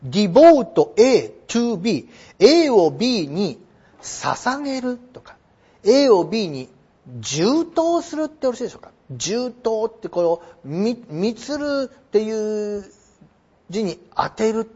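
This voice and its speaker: A middle-aged man explains English phrasing in a polite, roundabout lecture style with plenty of fillers. His voice sits high and swings widely in pitch, with a husky edge. The recording is dull and lo-fi. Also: big pitch swings, takes it slowly, mellow. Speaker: English teacher.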